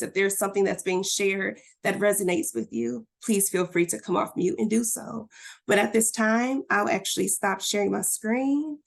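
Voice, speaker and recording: A woman hosting an online session, quick and welcoming. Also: mid-range voice, vocal fry. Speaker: host. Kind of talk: webinar hosting.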